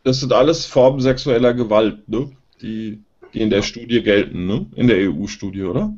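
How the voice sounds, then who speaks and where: A man's voice: on the low side, moderate pace, a little mellow. A man co-hosting a casual talk show in a dismissive, sardonic way, often seeking agreement. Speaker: podcast co-host. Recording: dull lo-fi sound.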